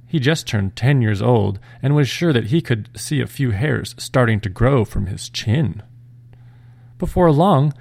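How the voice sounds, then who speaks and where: Male storyteller, gravelly voice, gentle measured read-aloud, dry close recording. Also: mid-range voice, dry recording. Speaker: storyteller and podcast host. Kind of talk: scripted story narration.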